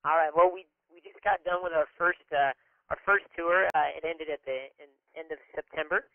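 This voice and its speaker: A man in his twenties from Nebraska, a band member chatting relaxed and friendly in a phone interview, with many fillers. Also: on the high side, normal speed, dry recording. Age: 20s. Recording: tinny phone line.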